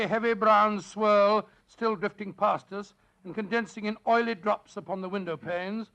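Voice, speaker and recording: Genial old English doctor and loyal companion, avuncular radio storyteller, high-pitched and forceful in tone. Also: male voice. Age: older. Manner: avuncular, hesitant, repeats phrases. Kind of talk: 1940s radio drama acting.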